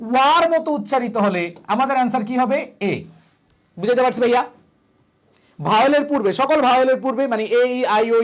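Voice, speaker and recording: High-voiced man tutoring grammar. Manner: quizzing students with rhetorical questions, answering them himself; reassuring, coaxing tone toward students. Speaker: English admission-test tutor. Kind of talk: online grammar lesson.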